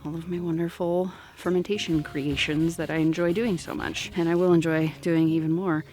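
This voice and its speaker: A woman's voice: deep voice, little pitch movement, moderate pace, a little mellow, soft background music. A young woman vlogging outdoors on her homestead, talking casually in a rambling, distracted way with lots of fillers, a little out of breath. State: slightly out of breath. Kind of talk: casual vlog talk.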